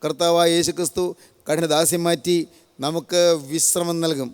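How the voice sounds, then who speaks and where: A man's voice: a little high, steady tone, moderate pace, clean tone. An older man from Kerala preaching a sermon, solemn and repetitive, stacking one parallel phrase after another. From Kerala, India. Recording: long hall reverb.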